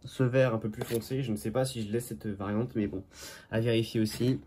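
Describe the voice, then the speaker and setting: Fairly quick and with fairly even intonation, a medium-pitched man with a darkish tone gives a casual show-and-tell of his flea market finds. He's a toy car collector from Normandy, France, who corrects himself often and slips in jokey asides, with slight background noise behind him.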